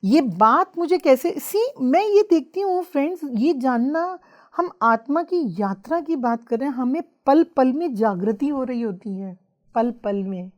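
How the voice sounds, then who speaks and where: An emotional woman recounting her spiritual experiences as an interview guest. Her voice sits fairly high and climbs further as the intensity builds. She drops English phrases into her Hindi as she speaks. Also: unhurried. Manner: intense, rises into high excited outbursts. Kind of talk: emotional personal storytelling.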